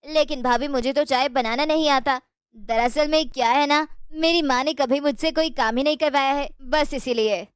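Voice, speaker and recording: A woman doing a sly, calm young sister-in-law. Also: high-pitched, normal speed, no echo, clean studio sound, close to an everyday voice. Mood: teasing. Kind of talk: cartoon storybook voice acting.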